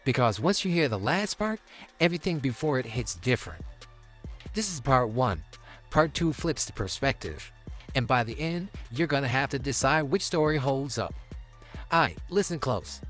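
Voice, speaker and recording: A man's voice: mid-range voice, very animated, moderate pace, fairly bright tone, faint music behind. An American man hosting a dramatic exposé commentary in a folksy, slangy way, teasing out suspense. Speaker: commentary video host.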